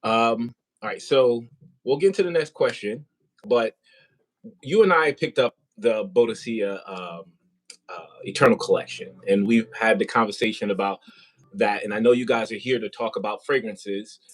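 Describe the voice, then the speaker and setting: A man's voice: fairly low pitch, moderate pace, poor audio. A man hosting a casual live interview, chatty and rambling with many fillers. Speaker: host. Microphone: compact wireless mic.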